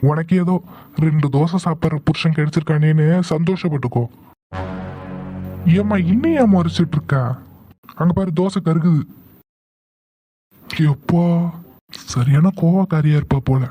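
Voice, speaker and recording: A man voicing a protective, hot-tempered young husband in a cartoon, speaking in a sharp, commanding way. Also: on the high side, normal speed, pauses often, no room sound, soft background music, natural voice. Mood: teasing. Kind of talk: cartoon voice acting.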